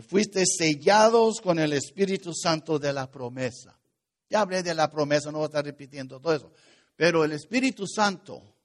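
A man preaching a sermon to a congregation, with sudden swings between loud urgency and quiet asides. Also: a little high. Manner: preaching with sudden rises and drops in loudness. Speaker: pastor.

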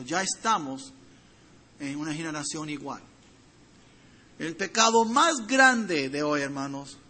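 A male preacher delivers an expository sermon, stopping often to read verses and speak to his listeners. His voice sits high for a man, and its tone is bright and forceful. He stumbles and restarts as he works through each point. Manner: expository preaching, reading verses and addressing the congregation; frequent restarts and stumbles while building points.

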